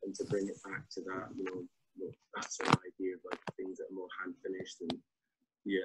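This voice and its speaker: Man, background chatter bleeding in like a crossed line; flat, gravelly, hesitant, far off and noisy. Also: sits low, moderate pace. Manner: hesitant, trailing off. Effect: stray conversation leaking through an unmuted call mic, like a crossed line. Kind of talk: casual chat. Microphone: someone else's open mic on a video call. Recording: faint, distant and noisy call audio.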